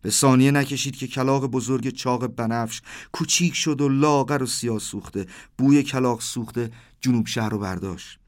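A man's voice: mid-range voice, hardly any pauses. A man in his thirties narrating a surreal first-person story, with livelier delivery when he quotes the exchanges. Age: 30s.

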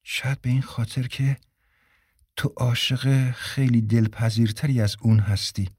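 Stubborn young wife read by a male narrator: raised pitch, insistent, dry audiobook read. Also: lively intonation, darkish tone, no echo, natural voice. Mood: coaxing. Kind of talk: audiobook character reading.

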